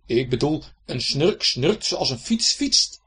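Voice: mid-range voice, very animated, slow, a bit bright, breathy edge, heavily acted. The narrator voicing a small, fretful male snore creature in a children's storybook, speaking in a fussy, flustered way. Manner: fussy, flustered, self-pitying.

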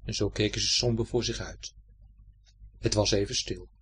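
A man reading a children's story aloud in an expressive, lilting storytelling manner. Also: lowish voice, moderate pace, slight background noise.

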